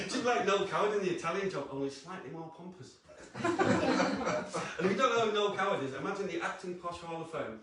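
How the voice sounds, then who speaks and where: A man's voice: high-pitched, sing-song, moderate pace. A man performing a live stand-up set in a comedy club, sardonic and self-mocking, laughing between his lines. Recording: echoey club, distant mic, crowd noise. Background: audience laughter.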